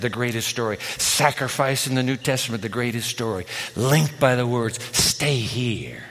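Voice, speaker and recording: An older man preaching a sermon, moving between loud emphatic phrases and hushed, whispered pleas. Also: mid-range voice, big-room sound. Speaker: pastor.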